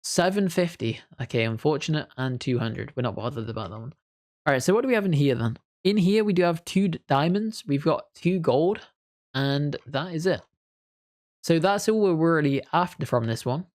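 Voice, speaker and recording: A man's voice: a little high, lively intonation, moderate pace, a little mellow. Easygoing man narrating his gameplay. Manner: chatty, thinks aloud while playing; mild, understated reactions. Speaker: gaming video creator. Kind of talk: casual gameplay commentary.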